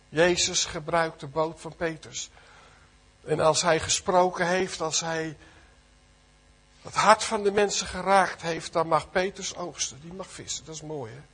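Husky-voiced earnest male preacher. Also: a little high, a bit bright. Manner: earnest, fervent, many rhetorical questions. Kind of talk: sermon.

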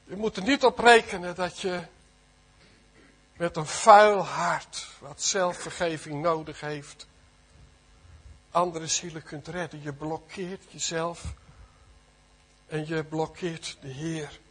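Middle-aged man, preacher; high, husky voice; earnest, fervent sermon delivery with rhetorical questions. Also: fairly even intonation, takes it slowly, long pauses.

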